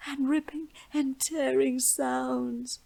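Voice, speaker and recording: A terrified little peasant girl, crying and whispering high and breathy between sobs. Her voice sits far above the narrator's usual deep tone, with an airy, hushed edge. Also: level tone, slow pace, exaggerated voice. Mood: frightened sobbing.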